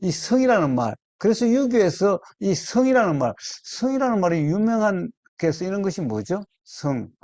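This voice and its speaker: A man giving a Buddhist dharma talk, slow and deliberate, repeating key words and quizzing his listeners. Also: high-pitched, very animated, a little mellow, no room sound. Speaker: Buddhist meditation teacher. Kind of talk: dharma talk to a small group.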